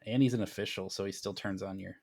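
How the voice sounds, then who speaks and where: A man's voice: low-pitched, fairly even intonation, fast, a little mellow. A man co-hosting a casual card game podcast who talks hesitantly and often starts his sentences over. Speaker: podcast co-host. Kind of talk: casual gaming chat.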